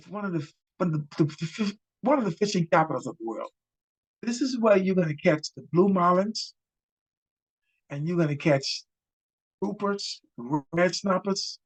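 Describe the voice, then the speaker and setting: A man's voice: high-pitched, poor audio. Chatty older Bahamian man. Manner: chatty and enthusiastic, repeats words. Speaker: host. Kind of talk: casual travel talk to camera. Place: indoors with a virtual city backdrop. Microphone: webcam framing, head and shoulders.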